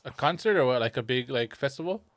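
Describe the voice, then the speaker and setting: A young man co-hosts a casual podcast, his voice sitting at an ordinary middle pitch. He talks in a laid-back, slangy way and fires off quick agreeing replies. The mic is close and dry. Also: animated, a bit bright, dry recording. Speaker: podcast co-host. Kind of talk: casual chat.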